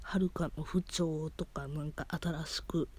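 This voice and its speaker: Kansai woman podcaster, breathy whisper, somewhat low, tearful late-night ramble. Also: fairly even intonation, slow. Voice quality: soft, whispery. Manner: rambling, emotional fan chatter. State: tearful after crying. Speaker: podcast host. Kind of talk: casual late-night monologue.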